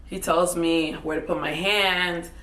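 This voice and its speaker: A woman's voice: on the low side, steady tone, measured pace, fairly bright tone. A woman in her thirties casually and animatedly telling a personal story to camera, joking and swearing as she goes. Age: 30s. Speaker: vlogger.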